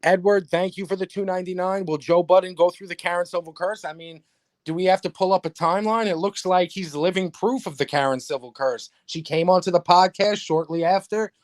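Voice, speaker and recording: Profane New York podcast host. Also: male voice, sits high, a little fast, no echo, studio quality. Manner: sarcastic, profane, animated ranting. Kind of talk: casual livestream podcast rant.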